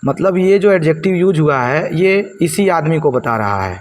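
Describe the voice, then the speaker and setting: A man's voice: fairly high pitch, animated, moderate pace, slight background noise. A man teaching poetic devices, asking and answering his own questions and repeating key words for his students. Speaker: English teacher. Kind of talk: blackboard lesson explaining poetic devices.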